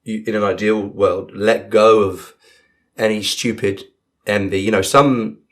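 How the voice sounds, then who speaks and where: A man's voice: on the low side, steady tone, unhurried, a bit bright. A man hosting a podcast, talking in a reflective, easygoing way with lots of loose fillers. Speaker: podcast host. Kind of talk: casual interview chat.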